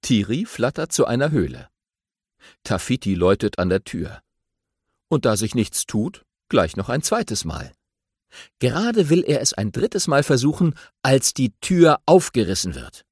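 A man narrating a children's audiobook in an animated storytelling way. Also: mid-range voice, measured pace, husky, dry recording, clean studio sound.

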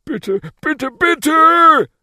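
A man voicing a pompous, bossy male lion king who is cowardly underneath, with a gravelly, shouty voice. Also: extremely high pitch, animated, drawn-out words, dry recording, studio quality, voice pushed up, exaggerated voice. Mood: pleading.

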